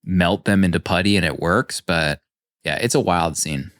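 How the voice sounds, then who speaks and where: A man hosting a casual movie podcast, chatty and quick to laugh, often restarting his sentences. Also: deep voice, a bit bright, no echo, clean studio sound. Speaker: podcast host.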